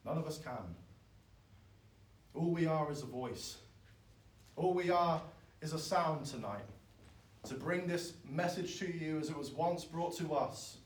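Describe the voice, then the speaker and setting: A man, preaching a sermon in an earnest, pleading way that swells loud and then drops soft. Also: on the high side, a little slow, pauses often. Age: 20s. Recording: echoey, from far off.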